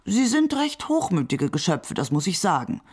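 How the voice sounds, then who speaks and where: A woman reads an old bearded saint, low and husky, grumbling away in a chatty storybook manner. His voice is full of mild complaint and sits a little higher than the narration around it. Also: sing-song, normal speed, a little mellow. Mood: fussing.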